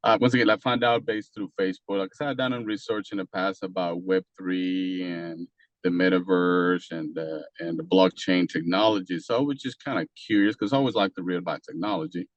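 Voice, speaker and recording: Speaking as an interview guest in casual conversation, a low-voiced native Spanish speaker from Costa Rica halts often, filling gaps and starting over. His Costa Rican accent comes through in dull audio without any echo.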